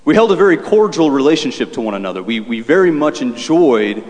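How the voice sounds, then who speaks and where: Priest with a long cathedral echo. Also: male voice, medium pitch, sing-song, darkish tone. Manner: measured liturgical reading, then earnest storytelling. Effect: cathedral echo, long church reverb. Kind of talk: gospel reading and homily. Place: large church. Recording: echoey church with long reverb.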